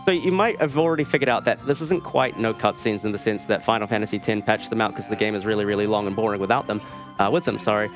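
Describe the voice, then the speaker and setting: Game music fills the background as a Kiwi man plays through a live speedrun at a marathon event. He talks quickly in a lowish voice, keeping his commentary relaxed and dryly humorous.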